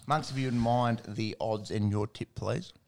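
A man's voice: fairly low pitch, moderate pace, creaky, slight background noise. An Australian man hosting a casual sports podcast, recapping in a slangy, blokey way.

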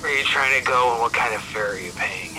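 A man voicing a terse, impatient taxi pilot with a low, haggard, gravelly growl in a tabletop game. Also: fast talker, music in the background, close to an everyday voice, poor audio. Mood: gruff, impatient. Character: gruff curt taxi pilot answering a radio call.

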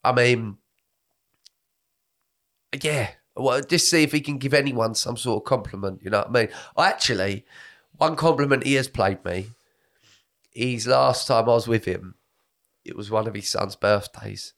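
A gravelly-voiced man with a southern English accent, hoarse from a cold. He hosts a casual podcast, bantering in a blokey, sweary way at a middling pitch. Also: normal speed, pauses often, a bit bright. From Britain. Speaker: podcast host and comedian.

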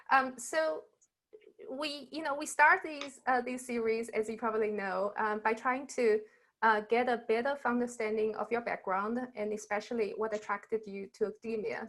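A woman's voice: on the high side, steady tone, normal speed, fairly bright tone. A woman hosting an academic webinar, introducing a guest in a loose delivery full of fillers. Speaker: webinar host. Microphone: video call.

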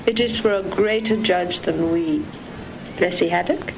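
A woman heard from an old home tape recording, talking and reading aloud at home in a lively, sing-song way. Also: fairly low pitch, a little slow, gravelly, background noise.

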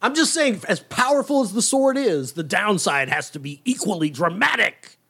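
Casting: male game master and podcast host, high voice, casual bantering narration. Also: sing-song, normal speed, creaky, pushed and bright, husky.

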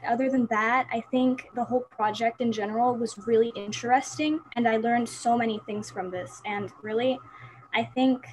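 A woman's voice: a little high, steady tone, moderate pace, a little hiss or hum, poor audio. A woman answering as a student guest in an interview, upbeat and plainly spoken.

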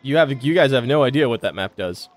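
A man running a tabletop game as game master, talking in a halting way with many pauses and restarts. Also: mid-range voice, lively intonation, faint music behind. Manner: halting, lots of ums and restarts.

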